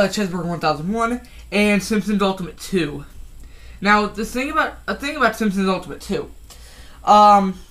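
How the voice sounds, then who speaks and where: Here a fifteen-year-old chats about his toys for a casual collection vlog, rambling with plenty of ums and self-corrections as he restarts his thoughts. His voice sits high and a bit bright.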